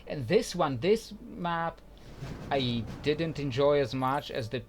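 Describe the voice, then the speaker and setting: A man's voice: a little high, takes it slowly, slight background noise. A man giving casual let's play commentary in a rambling, self-deprecating way. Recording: game sounds behind the voice.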